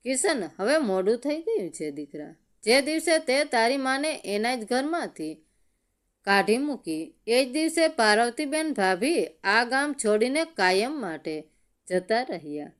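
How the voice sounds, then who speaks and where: A woman's voice: on the high side, sing-song, a little slow. A woman voicing a stern old village headman who scolds a son with heavy disapproval. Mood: stern scolding.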